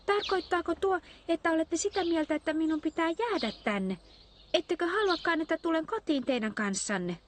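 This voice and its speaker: A woman's voice: very high-pitched, lively intonation, a little hiss or hum, voice pushed up. Pino, a woman voicing a timid abandoned toy. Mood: unsure.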